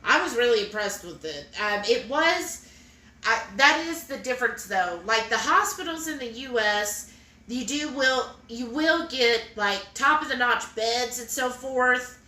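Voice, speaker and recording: A woman's voice: on the high side, animated, measured pace, pushed and bright, recorded from a distance. A woman co-hosting a live stream, chatting casually and reading viewer comments aloud. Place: home kitchen. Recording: echoey room.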